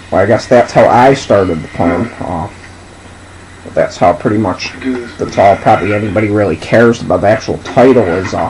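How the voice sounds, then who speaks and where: A drunk man rambling casually and haltingly as he presents and reads out a poem, drawing words out and losing his thread. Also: on the low side, noisy background.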